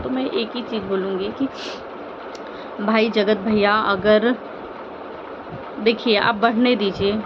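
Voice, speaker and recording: On a muffled recording with a noisy background, a woman vlogger with a mid-range voice weighs in on online family drama. Her informal commentary is earnest, and she pleads with listeners, repeating phrases and posing rhetorical questions.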